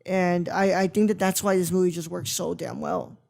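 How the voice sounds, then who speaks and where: A man's voice: high voice, steady tone, moderate pace, creaky, darkish tone. A man hosting a casual film discussion podcast, rambling and searching for words as he talks. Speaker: podcast host.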